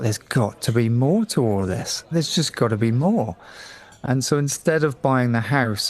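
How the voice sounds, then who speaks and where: Middle-aged man, radio guest, storytelling, lively quoted voices. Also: on the low side.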